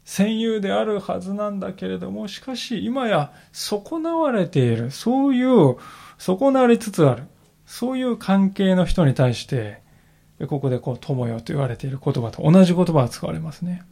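A male pastor giving a sermon in an earnest, reflective way, slowing down to stress key phrases. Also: high-pitched, lively intonation, vocal fry, mellow. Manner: earnest, reflective preaching with emphatic slowed phrases.

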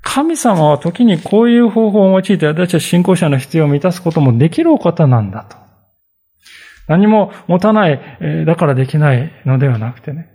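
A man's voice: fairly high pitch, animated, moderate pace, dark tone, breathy edge. A male pastor giving a conversational sermon, reading scripture and explaining it with frequent fillers and asides.

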